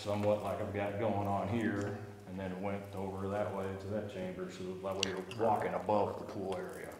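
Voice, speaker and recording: A man's voice: low-pitched, level tone, fairly quick. A middle-aged man from St. Louis, explaining a cave site in a plain, matter-of-fact way, recorded by a camera mic. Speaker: cave site worker and guide. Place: large underground cave, echoing. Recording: echoey cave with faint noise.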